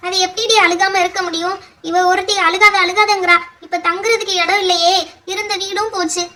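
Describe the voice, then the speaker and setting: A grieving mother in a homemade doll play wails over her troubles, as a woman voices her. The voice sits very high and rings bright and sharp, with long pleading laments to the heavens. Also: fairly even intonation, a little fast. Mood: lamenting. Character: grieving village mother, homeless after rain. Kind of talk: doll pretend-play voice acting.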